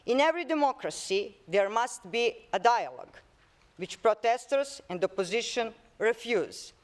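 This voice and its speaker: A woman's voice: a little high, lively intonation, normal speed. Serbian-accented woman giving a formal speech. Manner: reads a prepared statement, occasional restarts. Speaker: parliamentarian.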